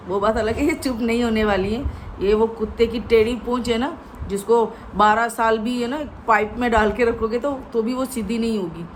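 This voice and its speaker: A woman vlogger talking straight to her viewers in a scornful, gossipy commentary. Her voice sits a little on the high side, and she keeps pulling the listener in with rhetorical tags. Faint noise hums behind her. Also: poor audio. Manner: mocking, with constant "है ना?" tags. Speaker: YouTube commentator.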